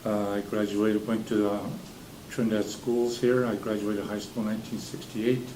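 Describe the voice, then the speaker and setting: Low-voiced man in his sixties, echoey room. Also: little pitch movement, normal speed, dark tone. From southern Colorado, US. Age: 60s. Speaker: interviewee. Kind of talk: casual recollection. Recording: echoey room with background noise.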